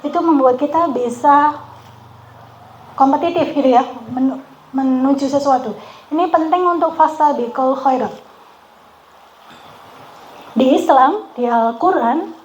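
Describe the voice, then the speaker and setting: A woman's voice: high-pitched, a little slow, long pauses, darkish tone, highs cut off, a little hiss or hum. A middle-aged woman, a psychologist, leading a training session in a chatty, interactive way, often checking in with the group. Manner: chatty, keeps asking the group "betul ya?". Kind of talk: interactive workshop talk. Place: outdoor training venue.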